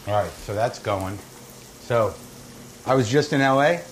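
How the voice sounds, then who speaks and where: A middle-aged American man hosts a casual comedy cooking show, chatting through the steps and anecdotes in a wry, blunt, profane, conversational style. His mid-range voice moves a little slowly, and the recording is very noisy.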